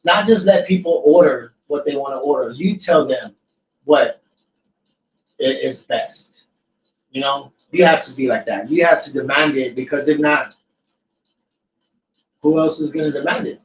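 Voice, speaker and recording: A man's voice: fairly high pitch, measured pace, long pauses. A man hosting a casual podcast chat, laid-back and swearing freely as he tells stories. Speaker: podcast host. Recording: echoey, distant, dull room mic with faint noise.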